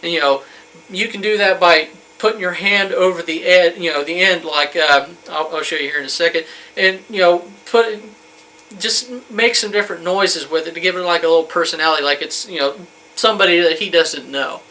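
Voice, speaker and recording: Brisk and sharp-toned, with a voice that sits high, a hunting instructor in his thirties rambles through an informal how-to talk in a folksy, colloquial way. He's indoors in a wood-panelled room, and the audio quality is poor.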